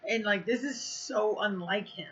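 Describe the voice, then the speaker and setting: A woman talks straight to camera in a loose storytime vlog, rambling through fillers and swearing bluntly. Her voice is bright and sharp-edged. The recording sounds a little dull and lo-fi. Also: mid-range voice, a little slow. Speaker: vlogger.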